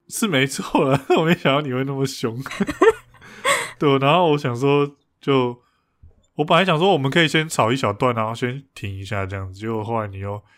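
A podcast co-host, a man with a medium-pitched, expressive and slightly bright voice, speaks at normal speed. He's casually retelling a fight, laughing often and restarting his sentences again and again.

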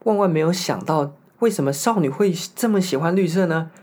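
A man with a Taiwanese Mandarin accent retelling a story in a casual, animated way, with jokey asides, rhetorical questions and acted-out quotes. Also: on the high side, fairly quick. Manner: animated, acts out the lovesick hero's lines in quotes. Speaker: host retelling a song cycle story.

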